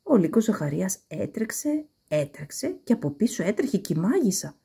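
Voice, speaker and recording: A woman reads a children's story aloud with expressive, animated delivery. Her intonation swings widely and her voice is husky. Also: mid-range voice.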